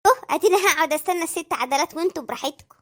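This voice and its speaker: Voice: very high voice, racing, fairly bright tone. صوت مؤدٍّ لـ زوجة مصرية مدللة بصوت حاد جدًا. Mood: demanding. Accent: Egyptian. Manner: whiny and coaxing. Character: fussy Egyptian housewife, spoiled and demanding.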